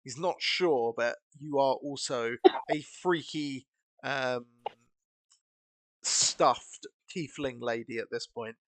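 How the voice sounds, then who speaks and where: A man narrating a tabletop game as game master, improvising in a halting, casual way. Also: mid-range voice, a bit bright, dry recording, rough recording.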